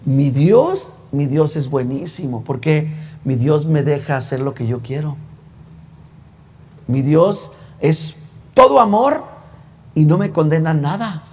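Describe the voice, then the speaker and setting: A woman's voice: deep voice, animated, slow pace, long pauses, darkish tone, husky, full character voice. A man voicing a carefree foreign woman who persuasively praises a permissive god, in a church with long reverb. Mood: boastful.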